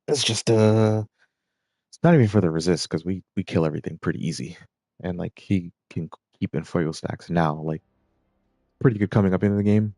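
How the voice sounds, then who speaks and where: A man giving relaxed, rambling commentary while playing a video game, with plenty of filler words. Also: low-pitched, gravelly, no echo, studio quality. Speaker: gameplay commentator. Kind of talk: casual gameplay commentary.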